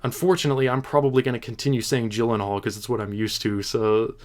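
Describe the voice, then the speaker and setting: In a casual film discussion, the male host responds to viewer questions in a mid-range voice with fairly even intonation. He pauses and restarts often as he thinks, and he is eager about the movies in question.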